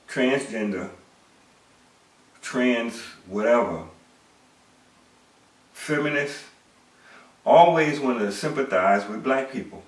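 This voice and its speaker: In an echoey room and recorded from a distance, a middle-aged man with a medium-pitched voice lectures as a commentator. His monologue is emphatic, with rhetorical questions and repeated words.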